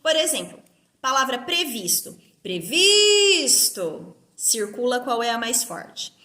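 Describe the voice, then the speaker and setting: A woman teaching a recorded lesson to young pupils, explaining clearly and stressing syllables aloud. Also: a little high, lively intonation, measured pace, sharp tone. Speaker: schoolteacher. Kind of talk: remote class lesson. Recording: echoey room.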